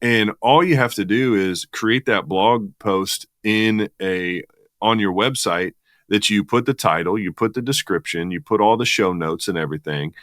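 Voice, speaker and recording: A man's voice: lowish voice, moderate pace, fairly bright tone, dry recording, studio quality. A man from the US Midwest co-hosting a podcast, talking casually and enthusiastically with many restarts. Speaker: podcast co-host.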